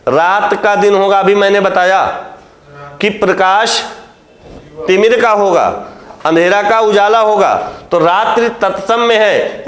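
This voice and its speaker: A man gives a Hindi grammar lesson for an exam course in a somewhat high voice. He works through each point step by step and keeps asking the class whether it is clear. The room around him echoes. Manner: explains step by step, often asks the class if it is clear. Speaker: exam coaching teacher.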